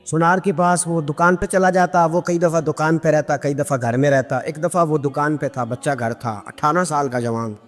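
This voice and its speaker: High-pitched guy preaching hard, storytelling with big emotional swells, long reverb, soft music behind. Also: fairly even intonation. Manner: fervent storytelling, pitch climbing as emotion builds; quick Arabic Quran recitation. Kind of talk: impassioned Islamic sermon.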